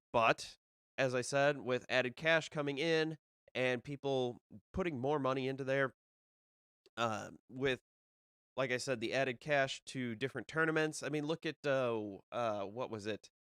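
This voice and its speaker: A young man hosts a disc golf podcast by himself on a casual live stream, wandering through his thoughts with frequent fillers and restarted sentences. His voice sits at medium pitch, a bit bright, smooth and resonant, with a slight nasal quality from a cold. It's recorded dry and close, without any room echo.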